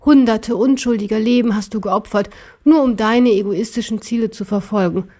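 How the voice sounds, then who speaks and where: A woman voicing a brave, angry little male teddy bear in an audiobook, raising her voice high and indignant. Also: moderate pace, warm tone, lightly acted. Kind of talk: audiobook character voice.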